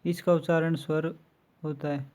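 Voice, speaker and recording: A man teaches an exam-prep grammar lesson, working methodically through lists of letters with examples. His voice sits a little high for a man but sounds mellow and dark in tone. He speaks in a flat, even delivery. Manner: slow, methodical listing with examples.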